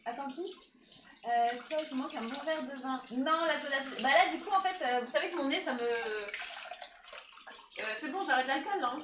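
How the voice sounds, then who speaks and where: A woman cooks on a live stream, chatting freely in a high voice and laughing between lines. Her voice sits back from the mic, with room echo around it. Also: normal speed, recorded from a distance, background noise. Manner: chatty, laughs often, thanks viewers, talks to her cat. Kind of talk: casual live-stream chat while cooking. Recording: echoey room, voice a bit off-mic.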